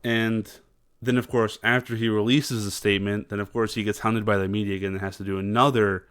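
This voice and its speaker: Low-voiced man rambling political commentary. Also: level tone, fairly bright tone, smooth, no echo, clean studio sound. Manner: halting, many fillers and restarts, mocking put-on voices.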